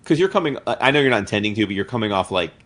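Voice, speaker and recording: A man's voice: on the low side, lively intonation, racing, fairly bright tone. A man co-hosting a comics podcast, rambling and restarting his sentences in casual chat, with the odd swear. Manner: rambling, self-interrupting, swears. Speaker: podcast co-host.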